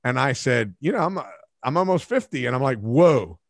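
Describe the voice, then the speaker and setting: A man's voice: mid-range voice, expressive, normal speed, creaky, no echo. A man in his forties hosting a podcast, telling self-mocking stories in a rambling way with restarts, on a studio microphone. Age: 40s. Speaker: podcast host. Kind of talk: casual interview chat. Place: home studio room. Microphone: studio microphone with headphones.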